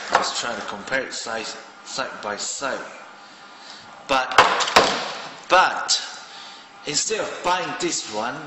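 A Malaysian man in his thirties reviews a gadget at his home desk, chatting casually and thinking out loud with fillers while filming on a handheld phone. His voice is mid-range. The room sounds roomy with long reverb, and music plays behind heavy background noise.

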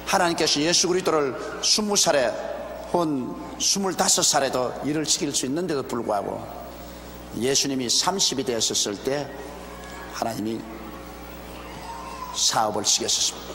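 Older pastor preaching in an echoey hall. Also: male voice, mid-range voice, a bit bright, a little hiss or hum. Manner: measured, deliberate preaching with pauses and rhetorical questions. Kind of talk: expository sermon. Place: large church sanctuary, behind a wooden pulpit. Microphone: pulpit microphone. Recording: roomy, echoey hall with faint ambience, older broadcast video.

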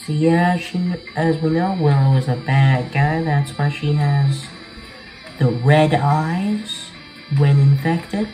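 With a warm tone and a slightly high voice, a young man speaks at a slow pace as he gives casual, slangy game commentary. The gaming video host is in a small bedroom with music playing, and the audio is poor.

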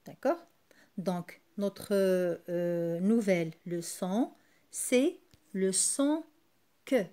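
Slow, mellow-voiced woman teaching reading. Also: medium pitch. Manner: patient, sounding out syllables one by one. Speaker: primary school teacher. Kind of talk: recorded reading lesson for young children.

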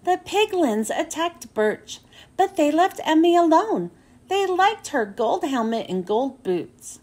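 A children's book reader and host, a woman, reads a storybook aloud in a high, sing-song, slightly mellow voice at a slow pace. She shapes each phrase carefully and expressively for young listeners.

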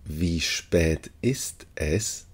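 Short phrases are read deliberately and then repeated for learners by a male language teacher whose voice is low and husky.

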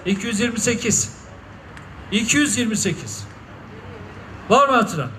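A man's voice: very high voice, animated, moderate pace, sharp tone. A man working as an auctioneer, calling bids at a live auction with repeated figures and last-chance calls. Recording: echoey noisy room, distant mic.

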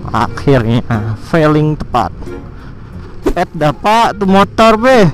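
A young man films himself riding a motorcycle through city traffic, joking, chatting in slang and teasing other riders. His fairly high voice is very animated yet slow. The recording is low quality, with soft background music.

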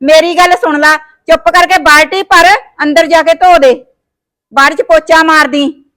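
A woman's voice: very high-pitched, steady tone, measured pace, exaggerated voice. A woman playing a bossy, scolding mother-in-law. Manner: scolding, nagging, sharp-tongued. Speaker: mother-in-law in a family short film. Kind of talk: amateur family drama acting.

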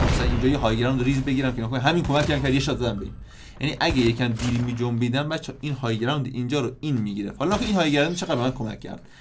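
A man giving casual, excitable commentary over his gameplay, often restarting and repeating himself. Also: mid-range voice, slight background noise. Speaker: gaming YouTuber.

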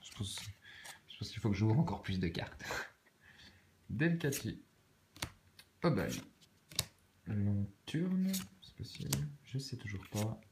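A man with a Swiss French accent, calmly muttering card names and soft exclamations as he opens packs in a casual vlog. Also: on the low side, slow, long pauses, background noise. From Switzerland. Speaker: card-opening vlogger. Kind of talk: casual commentary while opening cards.

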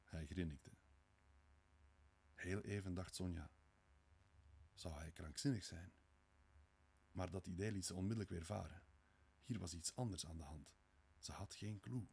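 A man narrates a classic novel as an audiobook. His voice is very low and husky, and he tells the story in a measured, dramatic way. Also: darkish tone.

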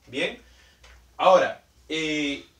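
A man from Peru teaching a language lesson, often checking in with "¿bien?" and stretching key words out slowly. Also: a little high, a bit bright, distant mic. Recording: echoey room, voice off-mic.

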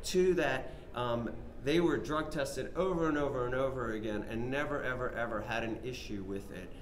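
A man in his forties with a mid-range voice tells his story with energy and counts off his points. He is recorded in a large, roomy hall with steady background noise. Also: mid-range voice, moderate pace. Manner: animated storytelling, lists points. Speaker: health practitioner. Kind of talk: conversational interview answer. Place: large indoor convention room. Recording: echoey room with background noise.

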